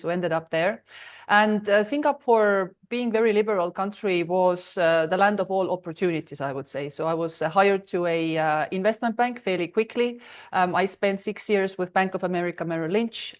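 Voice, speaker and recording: A woman in her thirties from Estonia, a freelance consultant speaking as a podcast guest in a measured way, with frequent ums and uhs. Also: fairly low pitch. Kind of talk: conversational interview.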